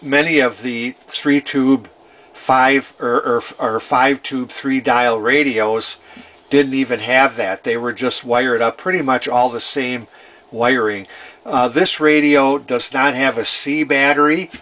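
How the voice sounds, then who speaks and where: A hobbyist who repairs vintage radios presents his work informally in a medium-pitched, fairly bright, fairly even voice. He's methodical but halting, often repeating words and phrases as he demonstrates.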